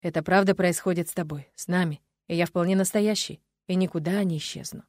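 A woman voicing a confident man, a dragon lord, speaking calmly and tenderly. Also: on the low side, fairly quick, no echo, close to an everyday voice.

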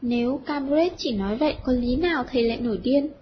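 A woman voicing a loud, sharp-tongued schoolgirl with shrill outbursts. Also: fast talker, a little hiss or hum, natural voice. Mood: doubtful. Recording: dull lo-fi audio.

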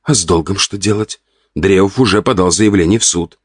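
A man voicing an indignant, sharp-tongued middle-aged countess in an audiobook. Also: sits low, husky, no echo, studio quality. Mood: sulky. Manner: indignant, quick to retort.

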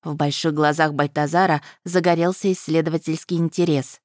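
Audiobook reader, woman, low register, dry studio read. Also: fairly even intonation, a little fast, darkish tone, dry recording. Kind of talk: first-person fantasy audiobook narration.

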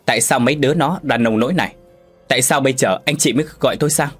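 A man's voice: medium pitch, rapid-fire, a bit bright, slightly rough, faint music behind. A man voicing an earnest village father who knows folk healing, speaking urgently and questioning in a spoken story.

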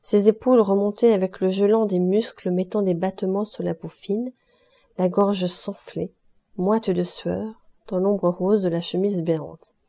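A woman reading a classic novel aloud in steady, measured narration. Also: mid-range voice. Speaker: audiobook reader. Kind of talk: scripted literary narration.

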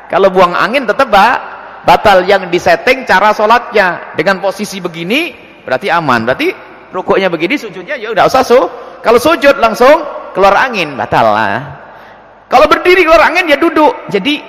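A man preaching and answering religious questions before a congregation, acting out little scenes as he explains. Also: fairly quick. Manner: lively, acts out scenes with swooping pitch. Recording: long hall reverb.

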